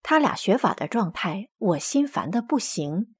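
A woman reading a first-person testimonial article aloud in a measured, expressive way. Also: mid-range voice, slightly rough, no echo, clean studio sound.

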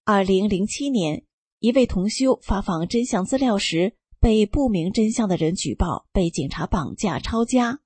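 A woman reading a first-person testimony aloud, telling it in a calm and steady way. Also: mid-range voice, normal speed, slightly rough, dry recording. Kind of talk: scripted narration.

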